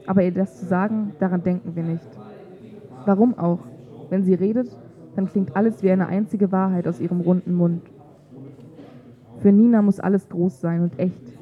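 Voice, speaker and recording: A woman reading a literary story aloud in a calm, measured way. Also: medium pitch. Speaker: narrator. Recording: tinny phone-like sound.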